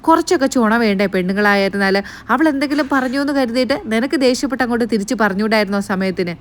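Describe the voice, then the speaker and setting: A woman's voice: a little high, racing, slight background noise, natural voice. A woman voicing an angry elderly grandmother who scolds her family in a raised voice. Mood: scolding.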